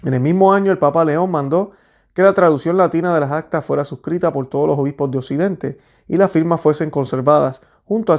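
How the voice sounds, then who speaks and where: A man reading a history text aloud in a measured, steady way, then explaining it to his viewers. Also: on the high side. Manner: steady, measured reading with small restarts on words.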